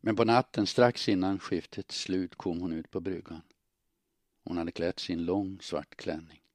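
A man narrating an audiobook in a calm, steady storytelling manner. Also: low voice, no room sound.

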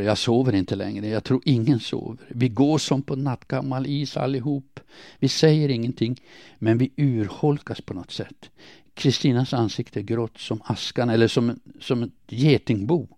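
Gravelly, dark-voiced male diary reader. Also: on the low side, dry recording, studio quality. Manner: quiet, measured, somber reading. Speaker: audiobook narrator. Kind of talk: first-person diary reading.

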